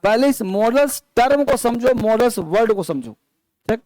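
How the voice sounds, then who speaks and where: A man's voice: extremely high pitch, lively intonation, moderate pace, a little mellow, no room sound. A man teaching an English grammar class to students in a classroom, talking straight to them and asking the class questions as he explains. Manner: addresses students as children, asks the class questions. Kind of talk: classroom lecture. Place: classroom with students, also streamed online.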